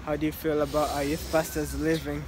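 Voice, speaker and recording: A young woman vlogger chatting casually at a church youth gathering, playful and laughing, her voice going hoarse. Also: low voice, level tone, a little fast, heavy background noise. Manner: playful, laughs often, upbeat sign-off. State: losing her voice. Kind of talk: casual vlog chat. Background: loud music.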